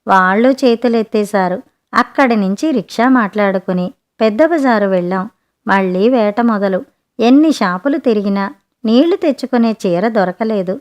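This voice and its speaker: A woman narrating a written short story in a gentle, expressive audiobook manner. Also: medium pitch, normal speed.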